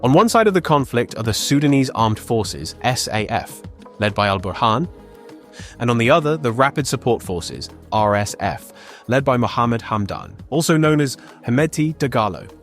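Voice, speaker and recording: A man narrates a documentary podcast in a measured, scripted way. His voice is at a middle pitch. A faint music bed runs beneath him. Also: big pitch swings. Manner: measured and clear.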